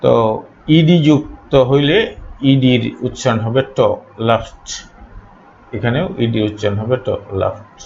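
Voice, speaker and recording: A man from Bangladesh teaching a pronunciation lesson, saying each word slowly and repeating it again and again for his students. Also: medium pitch, darkish tone. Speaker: English teacher. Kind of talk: slow spoken pronunciation lesson. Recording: dull lo-fi recording, faint noise.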